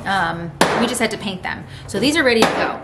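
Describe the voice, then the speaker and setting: Speaking briskly and expressively in a mid-range voice, this woman in her thirties, a homesteading vlogger, walks through cleaning old beehive frames inside a big barn. Loud music plays behind her, and the recording has heavy background noise.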